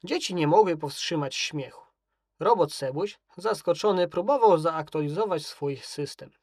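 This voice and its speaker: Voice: medium pitch, lively intonation, moderate pace, a little mellow, no room sound, clean studio sound. A narrator reading a children's story aloud.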